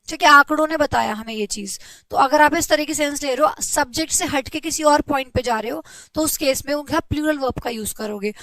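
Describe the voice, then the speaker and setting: A young woman teaching an English grammar class online, explaining patiently, checking in with her students and dictating example sentences slowly. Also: high voice, fairly bright tone, dry recording, rough recording.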